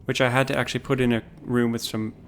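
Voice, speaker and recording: In a mellow, quiet tone, this man chats loosely about the game he's playing on stream, working things out aloud without rushing. Some light background noise can be heard.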